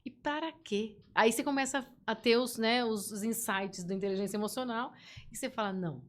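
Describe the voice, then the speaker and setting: A woman, a guest telling stories in a playful, animated way. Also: fairly high pitch, fairly quick. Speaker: podcast guest. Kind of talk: casual interview chat.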